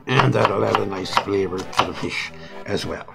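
Folksy gravelly man cooking at home. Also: fairly low pitch, moderate pace, low-quality recording. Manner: folksy, chatty, with occasional pirate jokes. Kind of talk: casual cooking demonstration in pirate costume. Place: home kitchen, indoors. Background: sizzling frying pan and music.

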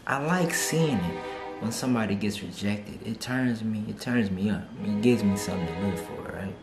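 A brash young man in his twenties sits on a couch in a small room, mocking and swearing as he reacts to a video. He speaks at normal speed in a lowish voice over background music, and the room sounds echoey.

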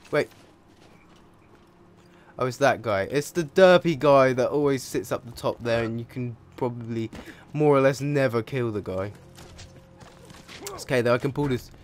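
A man's voice: mid-range voice, a little slow, long pauses, a little hiss or hum. Swearing young-sounding man narrating his gameplay. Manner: chatty, swears a lot, sudden excited yelps. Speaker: gaming video creator. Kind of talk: let's play commentary. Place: home room.

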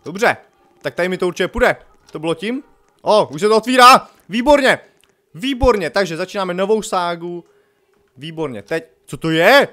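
Excitable high-voiced gaming youtuber man. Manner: excitable and jokey, big swings from loud outbursts to muttering, slangy. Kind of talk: casual let's-play commentary.

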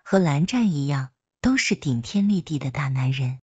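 A woman's voice: sits low, big pitch swings, normal speed, warm tone, breathy edge, no room sound, dull audio, heavily acted. A woman reading a story aloud, voicing a cheeky, playful young man who wheedles and teases.

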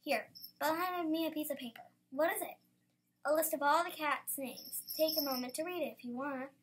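High-voiced schoolgirl reading her story. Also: brisk. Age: child. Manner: lively, bursts into excited exclamations. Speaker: student storyteller.

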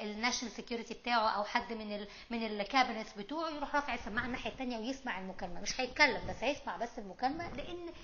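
A middle-aged woman with an Egyptian accent hosts a political explainer video series, speaking to camera in an informal, emphatic explanatory style and mixing in English terms. Her voice sits on the high side with a fairly bright tone. The audio is dull, with a little hiss or hum.

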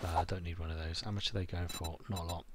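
A man's voice: deep voice, fairly even intonation, fast talker. A man talking to himself as he plays a survival game, muttering and swearing mildly. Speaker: gaming YouTuber. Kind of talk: let's play commentary. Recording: loud game noise behind.

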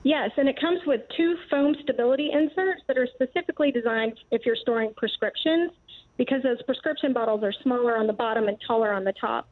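A woman calls in over a narrow, tinny phone line. Her voice sits slightly high as she explains a product she invented, politely and in practical steps. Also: brisk. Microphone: phone call into live show.

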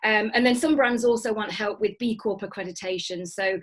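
A woman's voice: mid-range voice, a little fast. Enthusiastic woman. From Lancashire, England. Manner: enthusiastic, many fillers and restarts. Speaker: guest, business founder. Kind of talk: remote interview. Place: dim home room. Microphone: video call.

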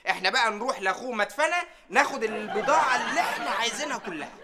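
A man's voice: extremely high pitch, expressive, racing, very noisy. An actor playing a lazy, grumbling young bazaar assistant with an Egyptian accent, whining his comebacks in a sitcom. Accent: Egyptian Arabic. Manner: whiny, mumbling comebacks. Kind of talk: sitcom acting.

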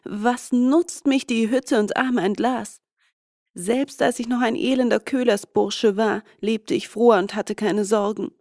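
A woman doing a reckless young glassmaker, greedy, demanding, gravelly tone, fairy-tale audiobook. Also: on the high side, fairly even intonation, unhurried, darkish tone, no echo, clean studio sound, voice pushed up. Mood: lamenting. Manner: complaining, demanding.

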